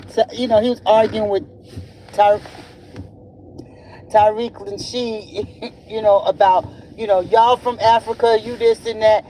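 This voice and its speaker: A woman's voice: mid-range voice, warm tone, rough recording. A woman hosting a podcast in a casual solo chat from her car. She talks while driving, rambles, and laughs often as she tells stories. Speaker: podcast host. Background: faint road and vehicle noise.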